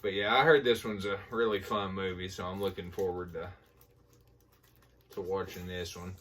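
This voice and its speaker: A man's voice: sits low, steady tone, moderate pace, fairly bright tone. A middle-aged man with an Appalachian hillbilly accent, rambling casually and folksily through a haul vlog. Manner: folksy, informal. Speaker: movie collector showing a haul. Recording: voice distant from the mic.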